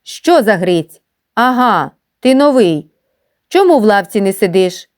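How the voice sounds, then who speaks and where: A woman's voice: mid-range voice, big pitch swings, unhurried. A woman voicing a stern male village schoolteacher who snaps harsh questions at a pupil in a storybook reading.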